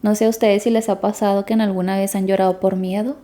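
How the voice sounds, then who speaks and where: A woman co-hosting a podcast, calmly explaining step by step in casual chat and putting questions to the others. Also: mid-range voice, fast talker. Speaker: podcast co-host explaining grief.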